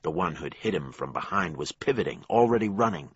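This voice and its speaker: A man narrating a crime thriller audiobook in a measured storytelling voice. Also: expressive, breathy edge, dry recording, lo-fi sound. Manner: low, measured storytelling with acted dialogue.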